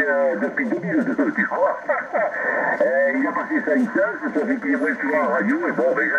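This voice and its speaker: A Frenchman chats casually over amateur radio from his home station, rambling along with plenty of fillers and restarts. His voice is a little high, with vocal fry. It's received through a radio transceiver, giving lo-fi reception with loud noise.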